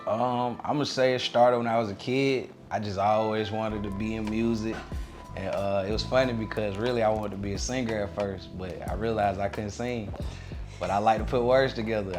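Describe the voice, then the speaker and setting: Young man, interview guest, relaxed slang, music behind. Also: on the low side, moderate pace. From Atlanta area. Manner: laid-back, relaxed slang. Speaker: guest, recording artist. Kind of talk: casual interview chat.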